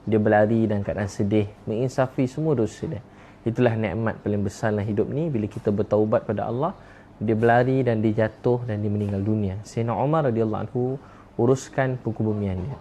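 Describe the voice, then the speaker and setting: A man's voice: lowish voice, steady tone, brisk, mellow, a little hiss or hum. A man with a Malaysian accent preaching a sermon with impassioned delivery, repeating key phrases for emphasis.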